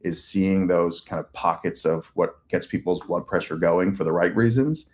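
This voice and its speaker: A man's voice: sits low, normal speed, a little mellow. A man in his forties with a Long Island accent, answering interview questions at length in a chatty way with many fillers. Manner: talkative, uses many fillers and restarts. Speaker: agency CEO guest.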